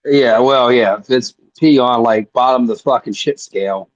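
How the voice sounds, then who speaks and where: A man's voice: mid-range voice, normal speed, no room sound. A man co-hosting a casual talk radio stream in a mid-range voice. He is blunt and dismissive and swears casually. The audio is dry and a little muffled. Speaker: podcast co-host.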